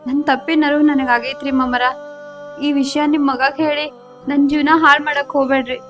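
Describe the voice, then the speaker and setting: A woman's voice: high-pitched, fairly even intonation, a little fast, soft background music, close to an everyday voice. A woman playing a pleading village daughter-in-law. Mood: soft pleading. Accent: North Karnataka Kannada. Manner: pleading, polite address with "ri". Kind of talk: village comedy-drama acting.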